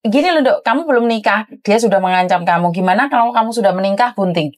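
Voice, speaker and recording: A woman's voice: medium pitch, fast talker. A woman hosting an advice show, giving frank, lecturing advice to a caller. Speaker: advice host. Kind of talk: advice chat.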